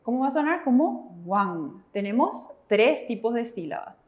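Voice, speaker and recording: A Paraguayan woman co-teaches a language lesson, walking through each sound step by step. Her voice is a little high. She backs up her colleague with short, encouraging affirmations. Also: lively intonation, moderate pace, darkish tone. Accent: Paraguayan Spanish. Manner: encouraging, answers with "ujú". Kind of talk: classroom explanation.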